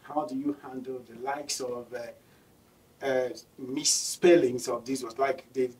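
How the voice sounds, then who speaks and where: A man's voice: mid-range voice, fairly even intonation, slow pace, a little mellow. A man hosting a radio call-in talk show, pressing his guest with repeated questions. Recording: distant mic with faint background noise.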